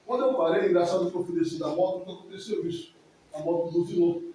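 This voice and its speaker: A man's voice: high voice, steady tone, fast, warm tone. A man in his forties giving an emotional, rambling testimony in church, often repeating himself. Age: 40s. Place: church hall. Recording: echoey hall from far off, faint noise.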